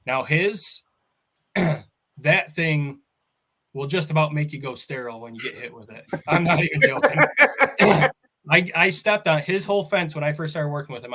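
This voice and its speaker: A man's voice: a little high, measured pace, bright, forceful tone. Casual rambling farmer man. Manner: rambling, storytelling, laughs often. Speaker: farmer guest. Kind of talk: casual chat.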